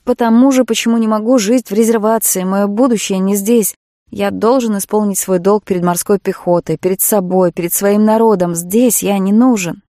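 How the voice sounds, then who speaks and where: A woman's voice: medium pitch, fairly even intonation, normal speed, mellow, no room sound, clean studio sound, lightly acted. Woman reading a tender young marine in love. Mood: urgent. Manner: tender, pleading. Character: earnest young man, a marine, pleading in love.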